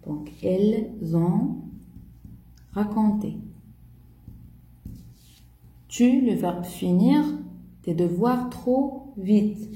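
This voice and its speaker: A woman teacher, slowly correcting a primary school French test step by step. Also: medium pitch, lively intonation, mellow, echoey room, low-quality recording. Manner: slow, spells out each step.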